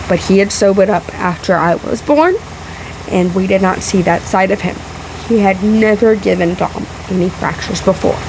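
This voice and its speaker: Sick, breathy, creaky-voiced woman over fan noise. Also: medium pitch. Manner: emphatic, halting, emotional. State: sick, emotional, a little out of breath. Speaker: vlogger responding to a video. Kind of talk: casual rebuttal vlog to camera. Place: room in a house. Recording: loud fan noise in room. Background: fan running in the background.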